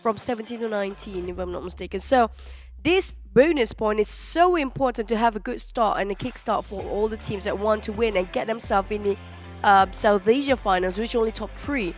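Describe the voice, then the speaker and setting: A woman's voice: mid-range voice, a little fast, faint music behind. A woman with a nasal voice, casting an esports league in chatty desk-analysis style. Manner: chatty, with restarts and fillers. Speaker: esports caster.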